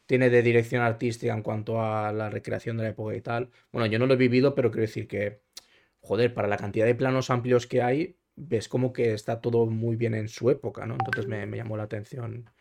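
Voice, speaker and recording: A man's voice: mid-range voice, flat delivery, a little fast, creaky, a little mellow. A man co-hosting a podcast, chatting casually about films, rambling with many restarts. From Valencia. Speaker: podcast co-host. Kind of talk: casual film chat.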